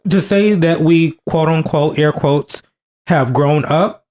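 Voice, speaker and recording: A podcast co-host in his thirties, his voice somewhat high and a little mellow, takes his time talking through a topic in a casual, earnest way. He keeps circling back to his phrases, repeating them for emphasis, and often restarts mid-sentence.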